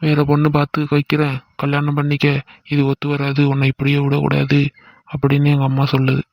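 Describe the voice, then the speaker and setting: A resigned young village man in a cartoon, voiced by a man. His slightly high voice stays flat and dry as he lays out his troubles. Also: a little fast, vocal fry, no echo, rough recording.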